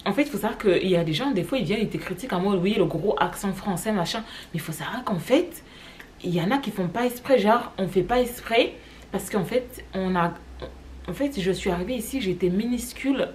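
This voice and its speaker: A woman's voice: medium pitch, brisk, a little hiss or hum. Chatty young woman vlogger, from Cameroon. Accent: French. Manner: chatty, rambling, many fillers. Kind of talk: casual vlog chat.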